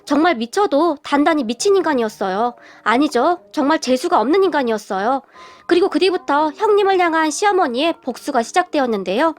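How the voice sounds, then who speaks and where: A woman's voice: high voice, animated, fairly quick. A woman narrating a family story in the first person, in a chatty, confiding way.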